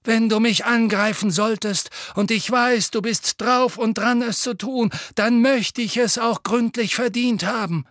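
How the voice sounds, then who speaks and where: A man voicing a calm, measured old male wizard headmaster in an audiobook reading. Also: very high voice, no room sound, studio quality, voice pushed up. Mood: firm.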